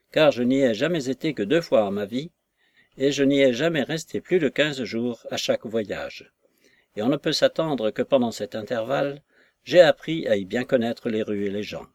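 A man's voice: mid-range voice, darkish tone, no room sound, natural voice. A man voicing a blunt, stubborn country squire who talks in a grudging, plain way.

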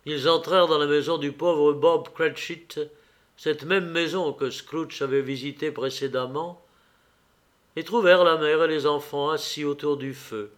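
Male narrator, slightly high voice, slow, measured, expressive audiobook reading.

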